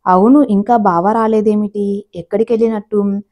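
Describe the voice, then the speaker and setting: A woman's voice: mid-range voice, steady tone, normal speed, warm tone, close to an everyday voice. A woman voicing a kindly older brother who talks in a mild, matter-of-fact way.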